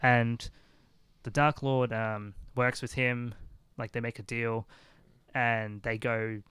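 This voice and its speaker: A man's voice: mid-range voice, level tone, takes it slowly, fairly bright tone, smooth. Rambling casual man hosting a podcast. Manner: rambling, full of restarts and "like". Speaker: podcast host. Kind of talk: casual chat.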